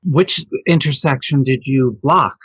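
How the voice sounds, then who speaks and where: A man asks short, curious interview questions in a slightly husky voice. His voice sits at a middle pitch. He sounds distant from the mic on a dull, lo-fi recording. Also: unhurried, dry recording.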